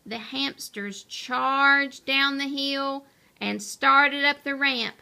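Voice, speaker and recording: A woman reading a children's picture book aloud with expressive storytelling. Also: sits high, drawn-out words, gravelly. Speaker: storybook reader.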